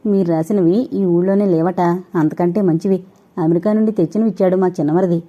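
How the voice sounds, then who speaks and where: A woman's voice: fairly low pitch, steady tone, a little fast, mellow, natural voice. Fussing housewife, read by a woman, scheming, lo-fi audio. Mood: placating. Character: anxious, scheming housewife, eager to please.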